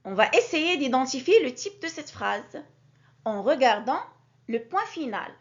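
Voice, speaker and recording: A woman teaching a grammar lesson to young children, with a clear, sing-song teacherly delivery that stresses key words. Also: high voice, sing-song, measured pace. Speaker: primary school teacher. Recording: dull lo-fi recording.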